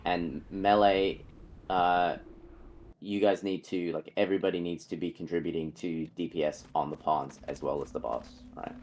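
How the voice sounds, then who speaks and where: A man's voice: deep voice, steady tone, moderate pace, a little mellow, slight background noise, poor audio. A man leading a game raid over voice chat, explaining positions in a rambling way with many fillers and restarts. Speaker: raid leader.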